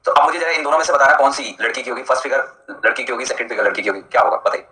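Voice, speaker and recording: A male teacher runs a live online lecture at a brisk clip. His voice is bright and forceful, and he keeps it chatty and jokey, breaking off to answer students by name. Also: mid-range voice, roomy sound, low-quality recording.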